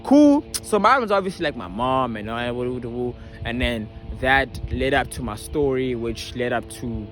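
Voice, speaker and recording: A man's voice: mid-range voice, animated, measured pace, few pauses, fairly bright tone, faint music behind. A young man vlogging casually. He talks in slang, with a stutter and frequent restarts. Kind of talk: casual storytelling to camera.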